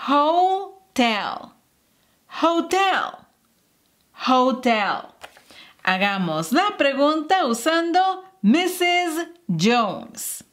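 A woman leads a beginner language lesson at a very slow, deliberate pace. Her fairly high voice swings widely in pitch as she sounds out each phrase with care. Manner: slow, carefully articulated model phrases. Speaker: English teacher.

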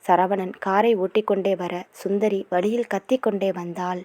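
A woman narrating a serial romance novel in a steady storytelling manner. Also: medium pitch, moderate pace, no room sound.

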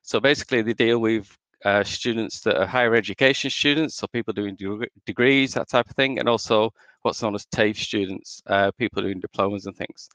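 A Northern English man, his accent carrying Australian and American traces, gives a conversational meetup presentation as an integration manager, with frequent ums. His voice is fairly low and a little fast, with hardly any pauses and a fairly bright tone. The recording is dry.

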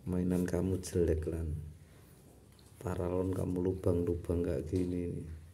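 A man's voice: deep voice, completely flat delivery, mellow, a little hiss or hum. A man talking casually to his pet, coaxing it to sleep. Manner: slow, soothing, coaxing an animal to sleep. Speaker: pet vlogger.

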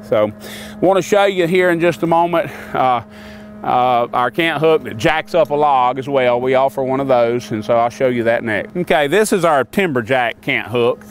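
An older man with a medium-pitched voice casually demonstrates sawmill tools outdoors, by a sawmill and in a wooded lot. He talks at a moderate pace in a folksy, rambling way full of fillers, with soft music in the background.

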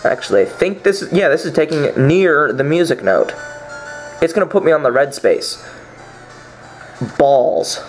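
A man's voice: on the high side, animated, moderate pace, long pauses, rough recording. A man gives playful, rambling commentary as he plays a party video game with a friend. His voice swings up and down a lot, and faint music plays behind him. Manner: joking, sarcastic, rambling. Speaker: gameplay commentator. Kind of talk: casual gameplay banter.

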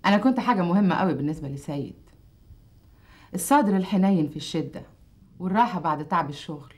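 A woman's voice: on the low side, expressive, quick pace, darkish tone, close to an everyday voice. A woman playing a sly woman bargaining for gold. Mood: pleading. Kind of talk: TV drama acting.

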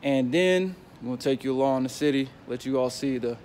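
A man in his twenties, a football player, walking through a city and talking casually to his phone camera, relaxed and grateful. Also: mid-range voice, a little fast. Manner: relaxed, grateful, talks while walking outdoors. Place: outdoor city streets and square. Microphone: phone camera held at arm's length. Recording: street noise and passing traffic.

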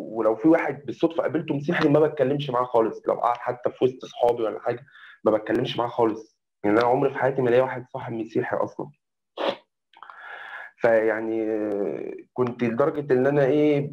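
A young man with an Egyptian Arabic accent rambles quickly through his personal story, words tumbling out at a rapid clip. His voice sits at an ordinary pitch. The sound is dull and muffled. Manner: rambling, keeps addressing the host as doctor. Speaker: guest telling his conversion story. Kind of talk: personal testimony, casual. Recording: muffled lo-fi audio.

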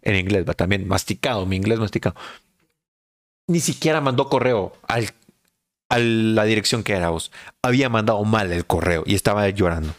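A man's voice: lowish voice, moderate pace, dry recording, clean studio sound. A man chatting and joking casually on a live stream.

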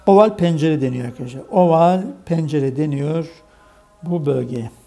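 Gravelly-voiced man teaching biology. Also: on the high side, moderate pace, dark tone, faint music behind. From Turkey. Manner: explains step by step, asks questions and answers them himself, repeats key terms. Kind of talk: exam solution lesson.

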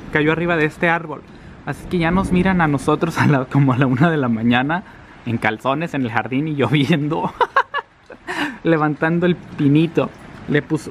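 A young man, chatting casually in a home vlog and swinging between shouts and soft whispers. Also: on the high side. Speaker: vlogger. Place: home, indoors. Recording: echoey room, faint noise.

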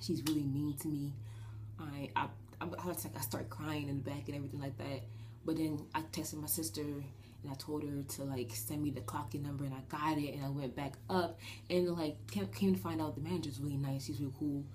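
In an indoor small bedroom, a young woman from New Jersey vlogs a casual storytime, filling her animated rambling with fillers and quick gestures. Her raspy voice sits low and trembles slightly after a breathing treatment, with slight background noise. A webcam at desk distance captures her.

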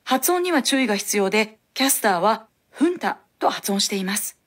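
A woman hosting a language lesson, giving clear, instructive scripted explanations on a studio microphone. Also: medium pitch, lively intonation, brisk.

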